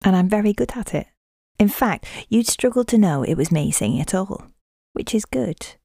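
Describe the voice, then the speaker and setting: A Yorkshire woman narrates a detective audio drama with wry, self-mocking humour. Her voice sits low and gravelly, with a husky edge and a mellow tone. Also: no room sound.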